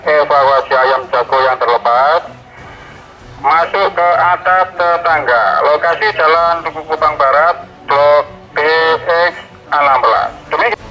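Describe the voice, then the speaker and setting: A man's voice: a little high, measured pace, bright, forceful tone, faint music behind. A man who works as a fire service dispatcher, making a clipped, formal call with code numbers over a two-way radio. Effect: two-way radio transmission. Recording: muffled lo-fi radio.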